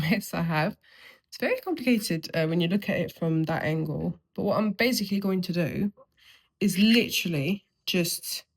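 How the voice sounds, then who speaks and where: A woman's voice: mid-range voice, poor audio. A young woman chatting casually through her own home renovation, explaining each step with lots of ums. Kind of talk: casual DIY home vlog. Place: room in her house under renovation, indoors.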